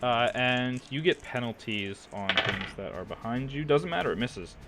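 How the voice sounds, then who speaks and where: A man's voice: mid-range voice, lively intonation, normal speed, very noisy. A man running a tabletop game as game master, hesitant and checking rules aloud with frequent uhs. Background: music.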